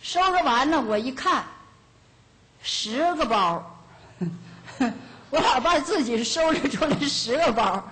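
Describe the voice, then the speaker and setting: An older woman giving a Buddhist teaching as a lay teacher, telling lively homespun stories and chuckling now and then. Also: high voice, a little slow, long pauses. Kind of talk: storytelling dharma talk. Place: lecture hall of a Buddhist centre.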